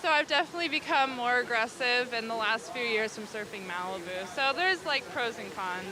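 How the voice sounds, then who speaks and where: A woman's voice: fairly high pitch, animated, fairly quick. A young woman surfer giving a casual, chatty interview outdoors after a heat. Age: young adult. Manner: chatty, frequent "like". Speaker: competitive surfer being interviewed. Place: outdoors at a beach contest. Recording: crowd and outdoor noise behind.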